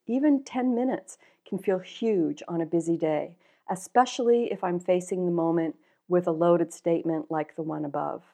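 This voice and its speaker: A woman coach giving a reflective spoken lesson, wry and self-mocking, in a measured way. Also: lowish voice, creaky, darkish tone.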